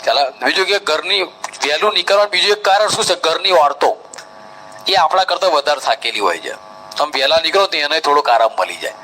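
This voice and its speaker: A man's voice: fairly high pitch, lively intonation, a little fast, pushed and bright, slight background noise, low-quality recording. A man with a Gujarati accent giving a live training talk as a Hajj trainer, explaining things step by step. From India. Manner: instructive, step-by-step, mimics crowds.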